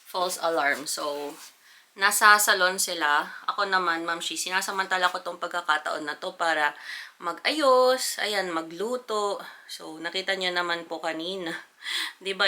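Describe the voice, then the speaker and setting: A woman's voice: mid-range voice, pushed and bright, a little hiss or hum. A woman from the Philippines, a mother and family vlogger, chatting casually to her viewers at home as she does chores. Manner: chatty, addresses viewers as "mga mamshis" between chores.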